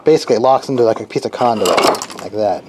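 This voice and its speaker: Through heavy background noise, a man with a voice on the low side explains a hobby build off the cuff, halting as he thinks aloud and works with his hands.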